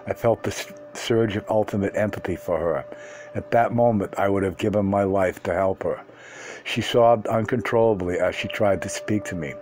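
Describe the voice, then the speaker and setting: A man reading a first-person story aloud, unhurried, sometimes stumbling and restarting words. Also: fairly low pitch, a little mellow. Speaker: reader.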